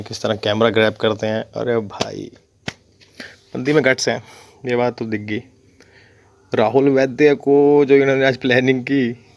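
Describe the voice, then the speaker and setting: A man's voice: mid-range voice, no echo. A young man giving casual commentary on a reality show, chuckling constantly and teasing the contestants.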